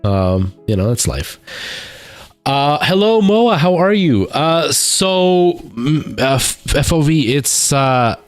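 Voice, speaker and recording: A man's voice: a little high, very animated, takes it slowly, dry recording, faint music behind. A man talking casually to viewers on a livestream, candid and self-deprecating about himself. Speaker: streamer chatting with viewers, stage musical performer.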